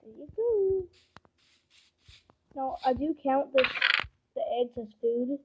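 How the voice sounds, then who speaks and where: A woman's voice: high voice, animated, takes it slowly, phone-quality sound, heavy background noise. A woman giving casual, rambling commentary on her game and coaxing the animals in it, recorded on a phone mic. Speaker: gameplay vlogger.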